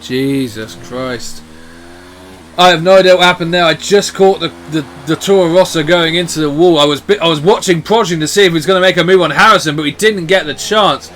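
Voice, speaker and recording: Man, high voice, excitable motorsport commentator, live race calling, exclamatory, faint vehicle noise behind. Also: fast talker, few pauses.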